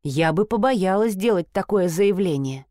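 A woman's voice: mid-range voice, lively intonation, moderate pace, darkish tone, no room sound, clean studio sound, close to an everyday voice. A woman voicing a frustrated grown daughter, an artist who squeals and pleads in a tense, strained voice. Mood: pleading.

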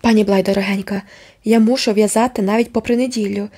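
A woman's voice: mid-range voice, steady tone, fast talker, warm tone, slightly rough, natural voice. A woman reading the part of a stubborn older housekeeper, speaking firmly and emphatically in a storybook reading. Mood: resolute. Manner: firm, emphatic.

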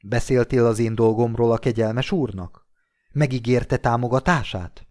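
A man reading an audiobook, voicing a cold, arrogant young man with a flat, contemptuous manner. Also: mid-range voice, close to an everyday voice.

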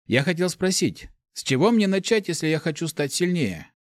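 An earnest young adventurer who asks polite, slightly hesitant questions, as a male narrator voices him. His tone sits a bit higher than the reader's usual voice. The recording is close and dry. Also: big pitch swings, moderate pace, no room sound.

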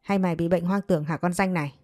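A woman's voice: lowish voice, steady tone, fast talker, darkish tone, dry recording, clean studio sound, close to an everyday voice. A woman doing a harsh, scolding mother. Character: stern, short-tempered middle-aged mother.

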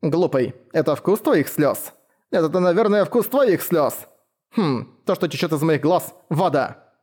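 A man voicing a proud, fiery young woman warlord who scolds and shouts insults. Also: a little high, animated, a little slow, husky. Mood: flustered, angry. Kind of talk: audiobook character voice.

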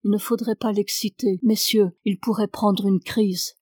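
Brief: gruff older guard, curt orders, woman reader. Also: medium pitch, steady tone, a little slow, darkish tone, no echo, studio quality, lightly acted. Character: stern older male asylum guard.

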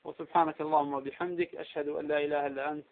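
A man teaching Quran recitation rules, slowly repeating each example word and posing questions to his students. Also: fairly high pitch, little pitch movement. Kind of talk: tajweed lesson with slow recited examples. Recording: tinny phone-like audio.

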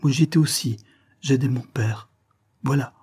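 A man's voice: mid-range voice, normal speed, a little mellow, breathy edge, voice pushed up. A man reading aloud, voicing an anxious young woman who earnestly pleads for her fiancé. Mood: earnest pleading.

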